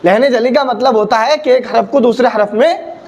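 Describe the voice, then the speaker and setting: A man's voice: very high-pitched, normal speed, darkish tone. A man teaching Quran recitation, drilling letter sounds by asking questions and answering them himself. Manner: repetitive call-and-response drilling, asks and answers his own questions. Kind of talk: classroom-style teaching video. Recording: noisy background.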